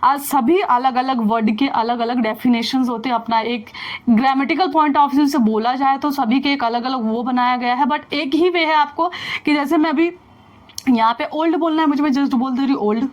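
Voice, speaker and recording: Give me a high-pitched woman teaching a grammar lesson, patiently drilling each word. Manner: explains step by step, asks learners questions; drills words slowly, repeating them. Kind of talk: Hindi-English grammar lesson.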